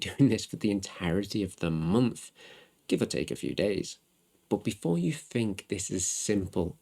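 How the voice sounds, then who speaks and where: A man talking through a hobby challenge in a casual vlog. He sounds relaxed, chatty and self-reflective. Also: on the low side, gravelly. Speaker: hobby vlogger. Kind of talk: casual vlog narration and updates.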